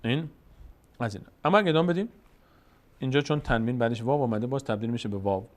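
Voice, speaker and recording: Tajik guy teaching quran reading, explains a rule then stretches the words out slow, mid-pitched voice. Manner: explains rules, then chants example words slowly and drawn out. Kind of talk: step-by-step tajweed lesson.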